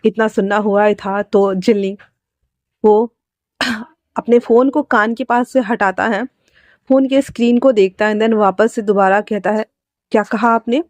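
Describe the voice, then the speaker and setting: A woman's voice: medium pitch, fairly even intonation, unhurried, darkish tone, dry recording. A young woman with a sore throat chatting casually and narrating a fan fiction story, with scolding asides.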